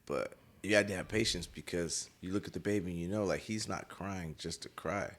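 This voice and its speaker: A man in his thirties, a father and podcast co-host, telling a story in relaxed slangy casual chat. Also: sits low, a little fast. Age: 30s. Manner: laid-back slangy storytelling.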